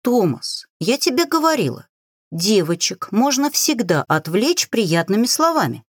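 A woman reading an audiobook, voicing a calm, gently teasing young witch woman. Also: mid-range voice, unhurried, husky, no room sound, clean studio sound, pitched above the performer's own voice. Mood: wry. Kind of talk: audiobook character voice.

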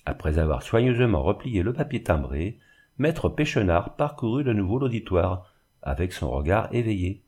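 A man reading a classic novel aloud in a steady, literary narration. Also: low voice, normal speed, breathy edge. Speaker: audiobook narrator. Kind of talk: scripted narration.

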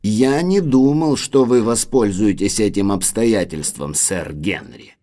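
An actor playing Barrymore, an earnest, deferential manservant, with respectful, formal and imploring speech in an audio drama. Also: male voice, on the low side, animated, measured pace, mellow. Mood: aggrieved, apologetic.

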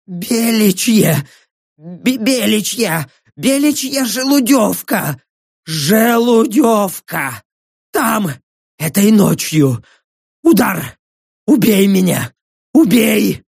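A man's voice: high-pitched, sing-song, drawn-out words, vocal fry, darkish tone, husky, no room sound, clean studio sound, heavily acted. A man voicing a dying male prisoner in agony who screams, sobs and curses in terror. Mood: frantic. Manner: screaming, sobbing, begging.

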